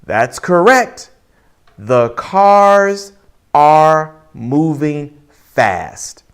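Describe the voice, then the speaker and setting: A man teaching an English lesson in a playful, deliberate way, quizzing the listener. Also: a little high, expressive, clean tone. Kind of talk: lesson voice-over over movie clips.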